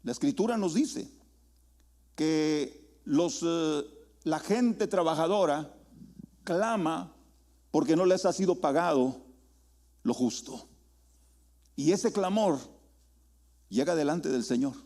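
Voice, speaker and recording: A man with a notably high-pitched voice preaches to his congregation. He builds to rising calls and then slows right down, stretching single words out for emphasis. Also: warm tone. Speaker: pastor. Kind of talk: sermon. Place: church sanctuary.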